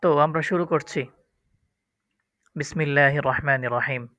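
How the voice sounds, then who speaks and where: Brief: patient male tutor, slow and bright, dry lo-fi recording. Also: fairly high pitch, dry recording. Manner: patient, repeats letter sounds slowly for learners. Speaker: Quran teacher. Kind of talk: recorded lesson on Arabic letters. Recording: dull, lo-fi, dry.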